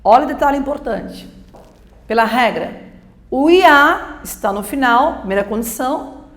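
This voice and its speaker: A woman's voice: a little high, roomy sound. A woman teacher, teaching a grammar lesson for exam prep, explaining step by step and asking and answering her own questions.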